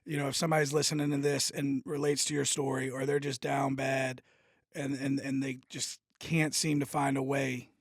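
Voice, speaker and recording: A man's voice: medium pitch, flat delivery, moderate pace, no echo, studio quality. A man in his thirties co-hosting a podcast, asking questions and affirming with "absolutely". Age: 30s. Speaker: podcast co-host. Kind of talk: interview hosting.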